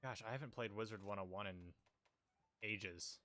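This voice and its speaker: With a lowish, sharp-toned voice at normal speed and no room sound, a man chats casually on a desk microphone while streaming a video game from home. He rambles, filling gaps with fillers and little jokes.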